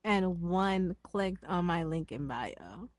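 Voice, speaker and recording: A woman's voice: fairly low pitch, animated, takes it slowly, no room sound, studio quality. Memphis woman who says w for r. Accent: Memphis Southern American. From Memphis, United States. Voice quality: struggles to pronounce R's, says w for r. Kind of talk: casual chat, explaining social media.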